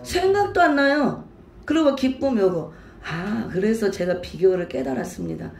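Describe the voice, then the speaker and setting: A woman's voice: a little high, wildly swooping pitch, normal speed, darkish tone, a little hiss or hum. A woman pastor giving an emotional sermon testimony, speaking emphatically and repeating her phrases. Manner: emotional, repetitive, emphatic storytelling. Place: church sanctuary. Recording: roomy church echo, faint ambience.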